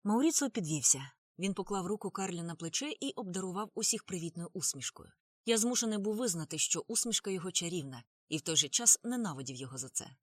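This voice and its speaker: A female audiobook narrator reads with an expressive, animated delivery, her pitch moving widely. The voice is recorded close and dry, with no room sound at all. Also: fast talker, dry recording.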